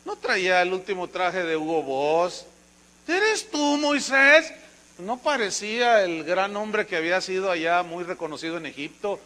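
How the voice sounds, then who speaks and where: A male pastor with a Mexican accent preaching a sermon, telling stories in a lively way and acting out voices. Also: high voice, poor audio.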